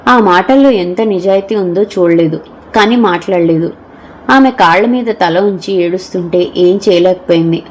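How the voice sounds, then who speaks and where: A woman narrating an audio novel with a steady, measured reading. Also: on the low side, a little hiss or hum, rough recording.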